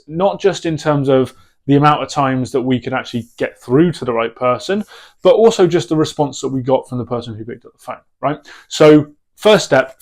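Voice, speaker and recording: A man's voice: mid-range voice, a little mellow. Plain-voiced man coaching on phone sales. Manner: direct, conversational, frequent fillers. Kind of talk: talking-head sales tips.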